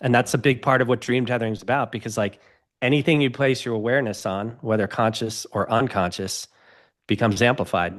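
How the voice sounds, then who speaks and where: Rich: A middle-aged man talks through his ideas with earnest, expansive energy, gesturing as he goes. His voice sits at an everyday middle pitch. He speaks in a casual, conversational interview. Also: steady tone, fairly quick. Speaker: podcast guest, author.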